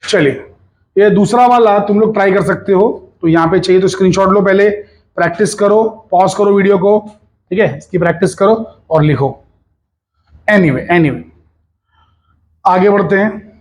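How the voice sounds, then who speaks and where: Brief: male physics tutor, middle-aged, high voice, chatty and coaxing, code-switching in lessons. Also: moderate pace, long pauses. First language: Hindi. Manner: chatty, coaxing, mixes Hindi with English and Marathi asides. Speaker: physics teacher. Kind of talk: recorded online physics lesson.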